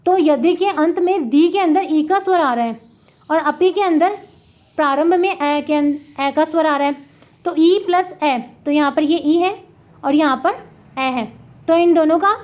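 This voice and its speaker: A woman with a Rajasthani Hindi accent teaches a grammar lesson, patiently breaking each example into its sounds and repeating them slowly. Her voice sits high. The recording is dull and lo-fi. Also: darkish tone. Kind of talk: classroom lesson explaining examples. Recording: dull lo-fi audio.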